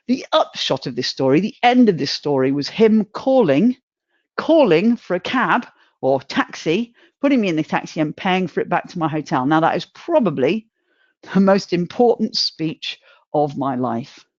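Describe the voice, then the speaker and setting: A middle-aged woman giving a humorous motivational talk, chatty and self-mocking, with sudden jumps in pitch. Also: animated, normal speed, a little mellow, no echo, dull audio. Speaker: motivational speaker.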